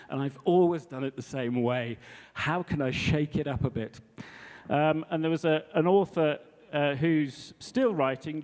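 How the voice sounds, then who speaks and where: A man in his fifties gives a conference talk to fellow teachers, telling a classroom story in a chatty way and checking in with his listeners. His voice sits slightly high. The sound rings with the long reverb of a large hall. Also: darkish tone. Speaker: English language teacher presenting to teachers. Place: hall before a live audience.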